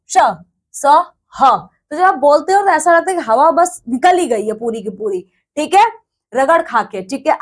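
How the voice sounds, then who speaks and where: A woman with a high, light voice takes students through a grammar lesson. She explains each point patiently and often stops to check with "okay". She sounds out letters slowly, one after another. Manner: repeats "okay" and "look", talks straight to students. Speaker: teacher.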